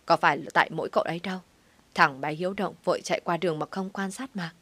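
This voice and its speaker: A woman's voice: on the low side, fast, fairly bright tone, no room sound. Woman doing a stern older grandfather. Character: stern older grandfather, steadying his wife.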